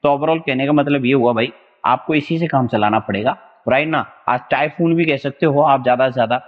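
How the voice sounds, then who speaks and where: At a whiteboard, a young man with a mid-pitched voice teaches exam-prep vocabulary a little fast, joking loosely, offering jokey memory tricks, and repeatedly saying "right na." The classroom recording is dull and lo-fi, with a long, hollow echo.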